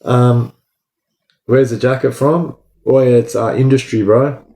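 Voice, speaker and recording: A man's voice: mid-range voice, fairly even intonation, slow, warm tone. An Australian man chatting casually and spinning a yarn on a livestream, in sweary, matey eshay street slang. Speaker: livestream storyteller. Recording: echoey room.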